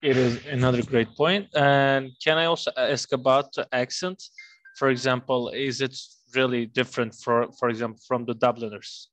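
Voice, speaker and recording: A man interviewing a school director, asking questions in a hesitant, halting way with many fillers. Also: mid-range voice, fairly even intonation, a bit bright. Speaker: interviewer, education agent.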